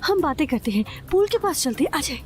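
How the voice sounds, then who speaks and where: Dub role: a bold young schemer, playful and persuasive, high pitch. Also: female voice, big pitch swings, quick pace, faint music behind. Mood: coaxing. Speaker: dubbing actor. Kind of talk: Urdu dub of a TV drama.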